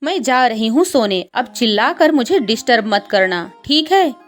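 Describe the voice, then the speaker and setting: A woman voicing a lazy, rude young daughter-in-law bird in a cartoon story, talking fast and dismissively. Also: fairly high pitch, expressive, soft background music, natural voice.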